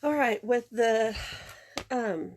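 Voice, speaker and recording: A woman's voice: a little high, takes it slowly, darkish tone, a little hiss or hum. A congested woman chatting casually through a craft tutorial, talking through each step as she works. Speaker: card-making demonstrator.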